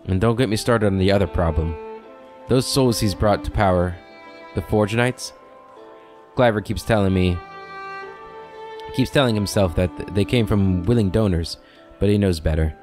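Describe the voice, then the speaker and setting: A man's voice: lowish voice, moderate pace, pauses often, a little mellow, faint music behind, close to an everyday voice. A man reading a disapproving male blacksmith's game dialogue aloud, plainly and with stumbles. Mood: grumbling.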